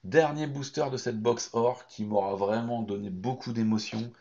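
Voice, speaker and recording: Hoarse low-voiced man, gravelly fry, eager unboxing commentary with lots of hesitations, muffled lo-fi sound. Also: normal speed. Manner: excited, chatty, frequent hesitations. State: hoarse, lost voice from shouting. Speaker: card collecting YouTuber. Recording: dull lo-fi recording.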